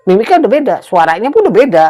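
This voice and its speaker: A man telling a host about his own experience, emphatic and dramatic, jumping between loud outbursts and hushed murmurs. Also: high-pitched, sing-song, rapid-fire, faint music behind. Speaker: guest recounting a personal experience. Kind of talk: animated storytelling to a host.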